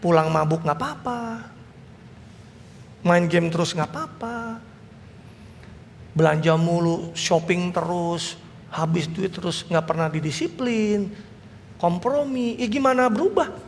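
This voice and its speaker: A high-voiced male pastor with a gravelly, fry-heavy tone preaches in a long-reverb church hall. He speaks in a lively storytelling style and acts out family dialogue, with faint noise behind him. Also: a little slow, long pauses. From Indonesia. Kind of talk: sermon.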